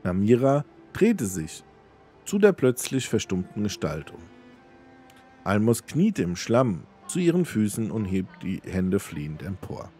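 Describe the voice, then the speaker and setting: A low-pitched man reading an in-game book aloud for a let's play, his delivery lively and expressive with casual asides. His voice is dark and slightly husky, and faint game music plays beneath it. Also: measured pace. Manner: expressive storytelling with offhand asides.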